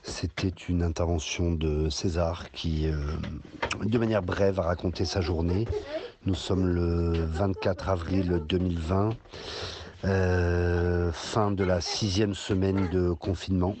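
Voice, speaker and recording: Slow halting man on a terrace. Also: low-pitched, flat delivery, crowd noise. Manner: halting, with many fillers. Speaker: parent recording family. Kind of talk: casual home recording. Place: outdoor home terrace. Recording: noisy home recording.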